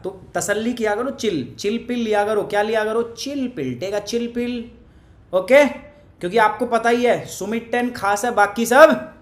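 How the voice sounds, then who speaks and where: A male teacher with a cough, giving a chatty live online class and teasing viewers by name. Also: high voice. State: has a cough. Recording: echoey room.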